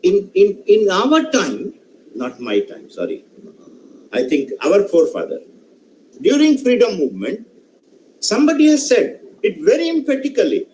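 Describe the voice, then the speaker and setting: Indian guy lecturing online, high animated voice, keeps repeating himself for emphasis, faint hiss. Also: normal speed, low-quality recording. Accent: Indian English. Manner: emphatic, rhetorical, repeats and restarts phrases. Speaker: professor giving an online lecture. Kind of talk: lecture with questions to online participants. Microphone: online session microphone.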